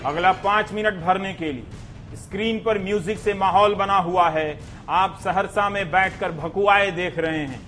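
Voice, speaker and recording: A man's voice: sits high, a little slow, pushed and bright, soft background music. A man delivering scripted TV news commentary in a sarcastic, rhetorical way, speaking straight to the viewer.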